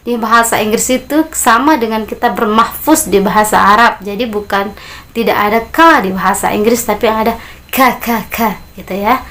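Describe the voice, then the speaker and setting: A woman teaching beginners English vocabulary, repeating model words slowly and clearly with a lifted voice on each example. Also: a little high. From Indonesia. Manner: addresses learners as friends, steady explaining pace. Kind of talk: beginner language lesson.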